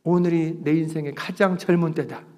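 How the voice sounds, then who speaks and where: Earnest pastor preaching in a reverberant sanctuary. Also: male voice, fairly high pitch, fairly even intonation, moderate pace, darkish tone. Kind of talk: sermon. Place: church sanctuary. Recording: long reverb of a church sanctuary.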